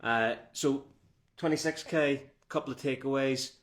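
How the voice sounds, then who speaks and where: A man co-hosting a trail running podcast, telling stories in lively, joking banter. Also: mid-range voice, measured pace. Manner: lively storytelling, jokey. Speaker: podcast co-host. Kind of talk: casual banter.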